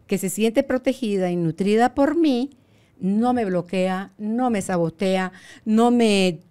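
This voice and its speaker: A woman, hosting a casual conversation and telling stories in a lively, playful way. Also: mid-range voice, slow, smooth. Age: 60s. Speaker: podcast host.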